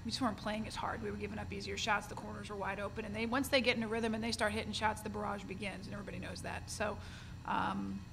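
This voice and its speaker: A woman in her forties speaks as a basketball coach at a postgame press conference, her voice somewhat gravelly and her pitch flat. She talks earnestly and candidly, with frequent fillers and restarts. The recording carries the steady noise of a press room. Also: fast, few pauses. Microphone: table mic in front of her. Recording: noisy press room ambience.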